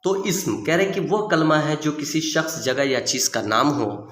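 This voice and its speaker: A man's voice: on the high side, expressive, a bit bright, echoey room, slight background noise. A man teaching a recorded grammar lesson, explaining patiently, repeating key points and asking and answering his own questions. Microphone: video lesson mic.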